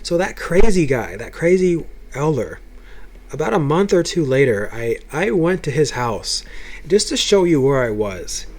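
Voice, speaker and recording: A man's voice: fairly high pitch, big pitch swings, unhurried, a little mellow. A young man telling his own life story to camera, swearing freely and stumbling over repeated words as he gets worked up.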